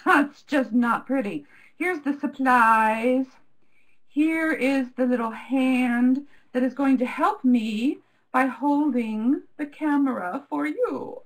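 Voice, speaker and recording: A woman's voice: sits high, low-quality recording. A woman giving a live craft tutorial in a chatty, jokey manner with frequent fillers. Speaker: craft demonstrator.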